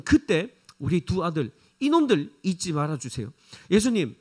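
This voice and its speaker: A woman's voice: medium pitch, darkish tone, slightly rough. A male preacher voicing a pushy mother who insistently pleads for her two sons.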